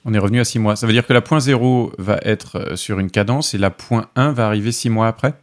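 A man hosting a relaxed tech podcast, his voice sitting a little low. He moves the conversation along with questions and light teasing of his co-hosts. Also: quick pace. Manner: joking, leads with questions. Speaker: podcast host and moderator. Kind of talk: casual tech podcast chat.

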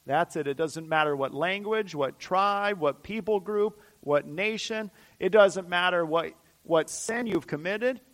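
A male preacher delivering a sermon in a fairly high voice. He speaks slowly and deliberately, repeating key phrases with fervor. His voice rises into loud declarations and falls to hushed near-whispers. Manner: fervent, repetitive emphatic phrasing.

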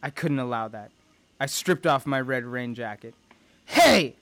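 A man's voice: medium pitch, normal speed, a bit bright, dry recording. A man reading a first-person adventure story aloud with tense, dramatic delivery. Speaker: audiobook narrator. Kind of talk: first-person audiobook narration.

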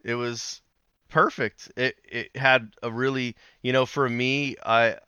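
Earnest man with a bright, clear voice. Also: medium pitch, no room sound, dull audio. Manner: earnest, animated retelling with pauses and fillers. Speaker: interview guest, founder. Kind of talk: storytelling interview.

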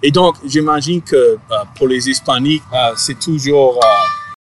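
A man whose first language is English, interviewing casually in a second language, halting and searching for his words. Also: mid-range voice, noisy background.

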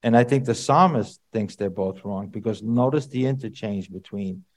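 A male preacher talks through a sermon in a relaxed, conversational way. He peppers it with asides and rhetorical questions to the congregation, and now and then he jumps to a loud, emphatic shout before settling back down. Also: on the low side, normal speed.

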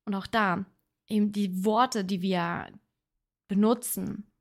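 A woman's voice: mid-range voice, steady tone, slow. A woman talking casually on her self-help podcast, thinking aloud and giving earnest advice. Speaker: podcast host.

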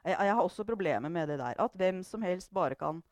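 A woman's voice: lowish voice, animated, darkish tone, dry recording, natural voice. A woman voicing a blunt sister who drops provocative remarks. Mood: curt. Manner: curt, provocative.

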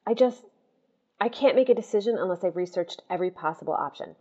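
A woman's voice: medium pitch, animated, fast talker, mellow, husky, muffled recording. A young woman in a comedic audio drama leaving rambling, exasperated voice messages. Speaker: lead character leaving voice messages.

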